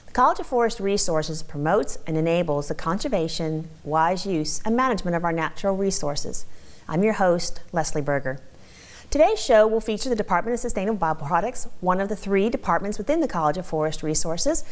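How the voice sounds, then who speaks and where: A woman hosts an interview show with a somewhat low voice. She opens with a read introduction, then chats easily with her guest, often answering with "mm-hmm" and "right". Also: expressive, fairly quick. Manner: friendly, chatty, many affirmations. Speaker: host.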